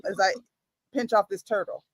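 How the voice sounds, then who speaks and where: A woman chatting casually on a video-call livestream, playful and teasing with an animated manner. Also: medium pitch, normal speed, dry recording.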